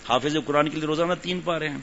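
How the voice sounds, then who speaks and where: An older man gives a religious talk in a relaxed, conversational way, circling back to repeat phrases for weight. His voice sits slightly high. The recording is dull and lo-fi, with a faint hum in the background. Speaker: religious teacher. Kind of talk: sermon.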